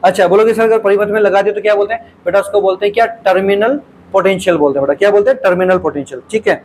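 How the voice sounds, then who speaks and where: A man with a high voice races through exam questions in a lecture, asking his students questions, repeating their answers, and calling them "beta" again and again. The audio is rough, with a little hiss or hum.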